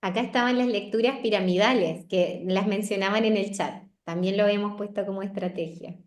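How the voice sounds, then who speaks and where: A woman's voice: medium pitch, fairly even intonation, brisk, reverberant. A woman explaining reading strategies to colleagues in an online meeting. She checks in often with little tag questions. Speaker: literacy presenter. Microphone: video call.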